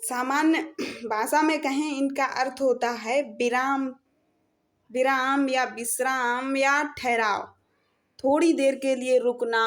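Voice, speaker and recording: High-voiced woman teaching grammar. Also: fairly even intonation. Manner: slow, repeats points, says "theek hai" often. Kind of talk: explaining a grammar lesson.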